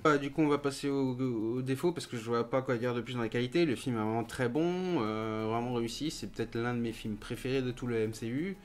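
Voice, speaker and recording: A man's voice: medium pitch, fairly even intonation, fast talker, hardly any pauses. A man giving a casual, hesitant film review, full of fillers and restarts.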